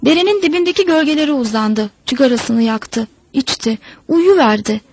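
High-voiced woman narrating a folk tale. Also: lively intonation, normal speed, slight background noise, rough recording. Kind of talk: storybook narration.

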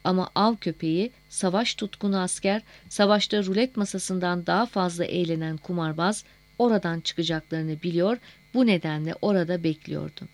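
A woman narrating a novel as an audiobook in a measured, steady reading voice. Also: on the low side, dry recording.

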